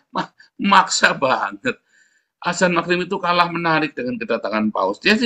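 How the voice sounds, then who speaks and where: Brief: male preacher-commentator, bright and forceful tone, jeering and combative, keeps addressing the audience as brothers. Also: mid-range voice. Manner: mocking, combative, keeps saying "saudara".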